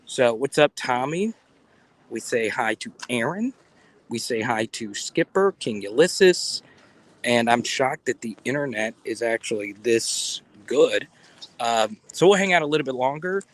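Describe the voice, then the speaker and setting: A man's voice: mid-range voice, expressive, a little slow, low-quality recording. A man hosting a casual outdoor phone livestream, rambling and joking as he talks to his viewers. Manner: rambling, chatty, jokey asides to viewers. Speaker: sports fan channel host. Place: outdoors in a city, near a palace.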